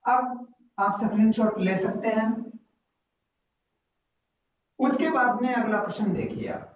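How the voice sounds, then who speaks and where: A man teaching a grammar lesson, explaining slowly and repetitively and reciting letters one by one. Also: high-pitched, a little hiss or hum. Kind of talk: classroom-style grammar lesson. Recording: echoey, muffled room from far off.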